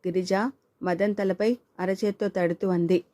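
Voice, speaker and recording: A woman's voice: lowish voice, level tone, moderate pace, warm tone, dry recording. A woman narrating a family story as an audiobook and voicing its characters in her own voice. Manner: reads all characters, male and female, in her own voice.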